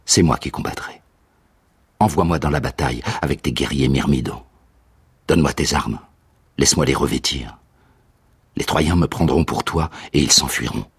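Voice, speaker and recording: A man's voice: rumbling low, moderate pace, long pauses, slightly rough, heavily acted. A man voicing an anguished young male warrior who pleads urgently, in a radio drama. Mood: pleading.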